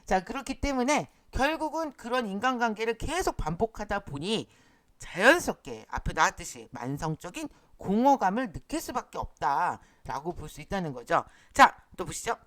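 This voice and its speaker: A woman lecturing in a lively, animated way, her pitch swinging up and down as she explains. She acts out short quoted exchanges along the way. The recording is dry and close. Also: moderate pace, no echo. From Korea. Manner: lively, starts sentences with "자", acts out quoted lines.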